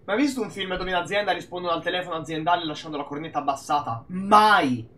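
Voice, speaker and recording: A man's voice: on the high side, very fast. A man from Italy streaming an indie game, rambling and swearing casually as he talks through it. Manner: animated, rambling, swears a lot. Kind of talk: casual gameplay commentary.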